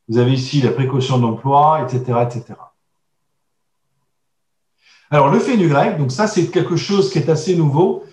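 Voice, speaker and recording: A man's voice: a little high, moderate pace, pauses often, darkish tone. Man teaching from slides in a roomy echo. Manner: explanatory, many hesitations and restarts, asides to listeners. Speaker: trainer teaching a course on herbal medicine. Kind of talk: recorded online lesson with slides. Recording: echoey room, voice a bit distant.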